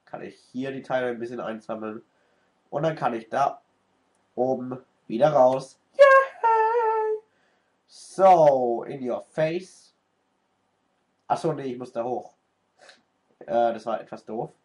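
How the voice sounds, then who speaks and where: A man with a stuffy nose from a cold, doing excitable let's-play commentary and cursing at the game. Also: mid-range voice, unhurried, pauses often. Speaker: let's player.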